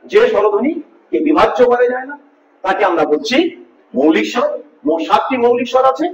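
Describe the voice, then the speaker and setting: A man teaching a grammar lesson with a very high, lively voice that rises and falls as he explains. He speaks patiently, repeats each point and quizzes his students. The recording is dull and lo-fi, with him sounding far from the mic in an echoey room. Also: a little fast, vocal fry, over a noisy crowd.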